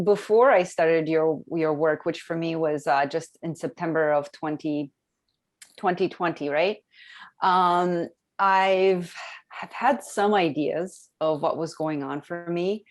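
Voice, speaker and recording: A woman's voice: on the low side, takes it slowly. A woman from Romania who works as a health coach, speaking as a guest on a webinar over a video call and talking in a chatty way with many fillers and restarts. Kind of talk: casual webinar testimony.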